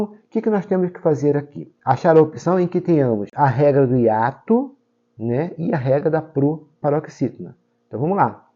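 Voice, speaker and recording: A man's voice: a little high, mellow, muffled recording. A Brazilian man teaching Portuguese grammar for exams, explaining step by step and checking in often with his students. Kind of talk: exam-prep grammar lesson.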